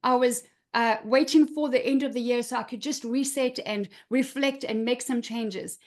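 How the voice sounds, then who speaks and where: A woman's voice: on the high side, fairly even intonation, normal speed. A middle-aged woman, a confidence coach, earnestly telling a personal story on a video call and repeating her key points for emphasis.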